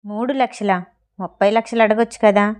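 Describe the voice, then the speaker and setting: A woman's voice: mid-range voice, fairly even intonation, a little fast, lightly acted. Teasing young man, read by a woman. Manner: teasing, then sharp when annoyed.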